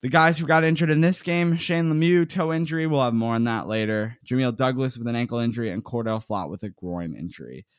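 A man's voice: mid-range voice, quick pace, few pauses, clear, resonant tone, dry recording, studio quality. A man co-hosting a casual sports podcast, recapping a game with frequent laughs and reading out player lists. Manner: chatty, laughs often, reads player lists. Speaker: podcast co-host.

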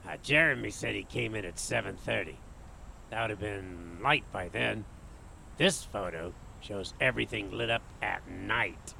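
An actor playing a dogged police detective who interrogates a suspect in an audio drama. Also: male voice, fairly low pitch, unhurried, gravelly, pushed and bright, slight background noise, exaggerated voice. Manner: confrontational, interrogating.

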